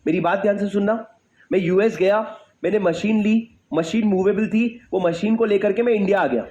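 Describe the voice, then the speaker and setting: A man's voice: sits high, darkish tone, muffled recording. A young man, giving an emphatic classroom lecture, repeating his questions and calling on students by where they sit. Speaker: teacher.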